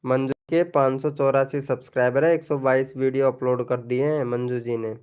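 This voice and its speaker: A man's voice: mid-range voice, flat delivery, normal speed, darkish tone, smooth. A man hosting a casual live stream, playfully teasing viewers as he reads their messages. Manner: playful, teasing, chuckling often.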